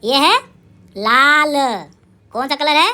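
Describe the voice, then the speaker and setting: Woman schoolteacher, bright ringing voice; quizzes children and answers herself, cheering them on. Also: high voice. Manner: asks and answers her own questions; drawn-out sounding of syllables. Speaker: primary school teacher. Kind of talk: lively recorded lesson for young children.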